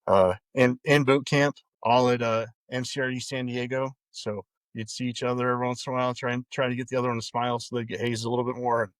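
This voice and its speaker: A man in his forties from Wyoming, a podcast guest telling stories in a relaxed, wry way. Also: mid-range voice, fast, few pauses, dry recording. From Wyoming, USA. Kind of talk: casual storytelling.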